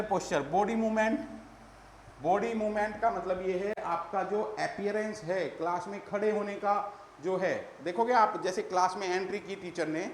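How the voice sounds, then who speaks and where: A man's voice: high voice, roomy sound, a little hiss or hum. A male teacher giving an exam-prep lecture, calling his students "beta" and repeating the key terms.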